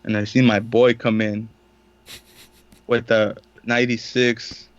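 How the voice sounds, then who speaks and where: A man's voice: medium pitch, flat delivery, takes it slowly, no echo, muffled recording. A young man, a podcast co-host, telling a story in casual, profane slang and acting out the quotes. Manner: slangy, swears a lot, acts out quotes.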